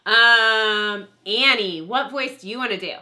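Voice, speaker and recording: A woman's voice: a little high, measured pace, pushed and bright. A woman teacher leading children in a playful class recitation. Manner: upbeat, playful, coaxing children to chant along. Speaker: homeschool co-op teacher.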